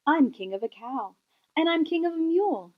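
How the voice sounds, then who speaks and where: A woman's voice: high-pitched, animated, normal speed, highs cut off, pitched above the performer's own voice. A woman voicing a pompous, greedy turtle king in a children's storybook, boastful and imperious. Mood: gloating. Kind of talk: children's storybook read-aloud.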